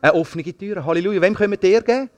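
A middle-aged pastor with a Swiss German accent preaches a sermon in a high voice at a racing pace, with background noise present. He tells stories vividly, repeats words, and swings between hushed and loud passages.

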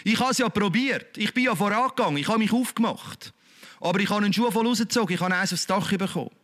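A man's voice: high voice, quick pace, a bit bright. A man with a Swiss German accent preaching a sermon in a colloquial, emphatic, repetitive way.

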